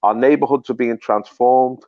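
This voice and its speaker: A man's voice: fairly even intonation, moderate pace, no echo. Fervent man, dull audio. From Liverpool, England. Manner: fervent, emphatic, rising to preaching pitch. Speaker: guest. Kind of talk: political interview.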